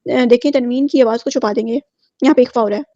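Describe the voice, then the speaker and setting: A woman teaching Quran recitation rules word by word, chanting each word slowly and then explaining it in quick, plain speech. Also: a little high, fairly even intonation, mellow, no room sound, highs cut off. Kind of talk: tajweed lesson, word by word explanation.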